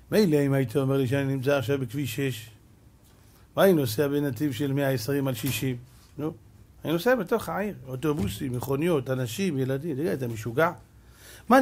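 Gravelly rabbi telling lively stories. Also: male voice, mid-range voice. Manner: animated storytelling, acts out dialogue; addresses audience as "gentlemen". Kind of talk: sermon, Torah lesson.

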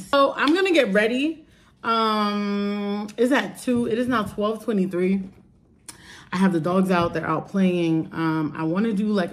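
A young woman chatting casually to camera in a home vlog, rambling with lots of "like" and "um.". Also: medium pitch. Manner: chatty, rambling, many "like" and "um" fillers. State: out of breath, rushed. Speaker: vlogger.

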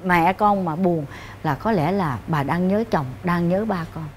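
A woman's voice: fairly low pitch, unhurried, noisy background, lightly acted. An actress playing a blunt, gossipy older woman relative. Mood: explaining. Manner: blunt, familiar talk. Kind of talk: sitcom acting.

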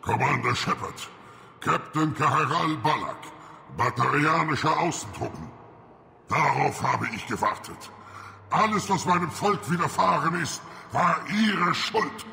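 A man voicing a bitter, proud, vengeful alien military officer in a dramatic video game, gravelly, forceful and accusing. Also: a little high, lively intonation, a little slow, slight background noise, exaggerated voice. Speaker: fleet captain.

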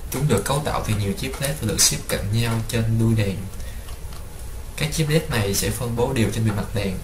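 A young man, a student, reading a class report aloud in a steady way. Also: lowish voice, brisk. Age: young adult. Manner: steady, read-aloud delivery. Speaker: student presenter. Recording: roomy with clear background noise.

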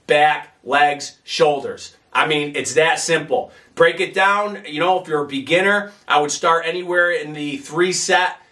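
A man's voice: fairly high pitch, pushed and bright, far from the mic. Rambling man in a basement gym. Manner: rambling, repeats himself, many fillers. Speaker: bodybuilding channel host. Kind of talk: casual advice to camera.

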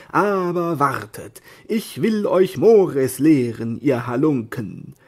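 A man voicing Don Quixote, a lofty, deluded old knight, declaiming grandly and shouting orders. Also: fairly high pitch, husky, heavily acted.

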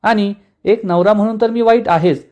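A man with a notably high voice tells a serial episode in a chatty recap. He swings into each character's dialogue with animated emphasis, quoting husband, wife and elder in turn. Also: moderate pace, lo-fi sound. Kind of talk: casual retelling of a TV episode.

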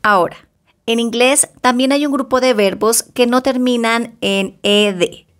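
A woman teaching English grammar, slowly reading bilingual example sentences with careful pronunciation. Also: fairly high pitch. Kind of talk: slow bilingual grammar lesson.

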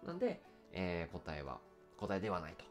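Low-voiced man teaching English test answers. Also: wildly swooping pitch, faint music behind. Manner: slow careful English readouts, frequent fillers. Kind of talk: explaining test questions.

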